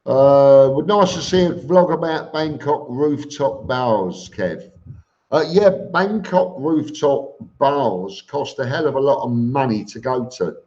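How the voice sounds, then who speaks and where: A man's voice: mid-range voice, animated, slow, a little mellow. A man hosting a casual live stream, reading out comments and answering them in an informal, blunt, matey way. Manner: informal and blunt, calls listeners mate. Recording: dull lo-fi live stream audio.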